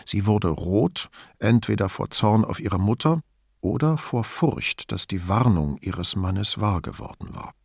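A man narrating an audiobook in a steady, even storytelling voice. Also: lowish voice, unhurried, gravelly, breathy edge, no room sound, clean studio sound. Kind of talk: scripted narration.

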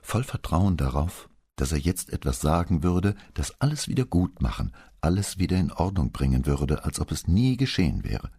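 Extremely deep, gravelly male narrator. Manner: calm, measured storytelling. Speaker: audiobook narrator. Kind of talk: scripted narration.

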